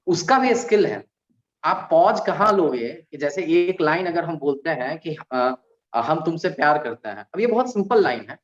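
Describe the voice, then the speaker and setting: A man, an alumni guest on a panel, talking in an animated way and explaining with examples and rhetorical questions. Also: fairly high pitch. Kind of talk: conversational panel talk. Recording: dull lo-fi recording.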